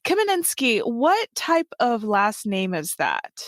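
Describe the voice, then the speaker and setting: A woman's voice: a little high, wildly swooping pitch, slow pace, fairly bright tone, no echo. An American woman hosting a podcast in a casual, bubbly interview chat, laughing often and acting out the voices she quotes. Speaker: podcast host.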